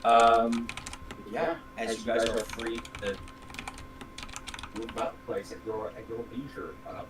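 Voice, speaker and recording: A man's voice: medium pitch, level tone, measured pace, noisy background. A man running a tabletop game as game master, narrating scenes with many fillers and restarts.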